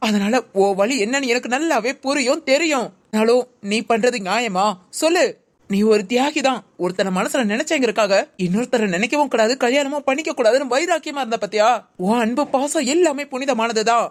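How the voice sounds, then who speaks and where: Woman playing a scolding lady, fast talker, high voice, lecturing. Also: expressive, lightly acted. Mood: reproachful. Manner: reproachful, lecturing. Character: stern woman, scolding a friend.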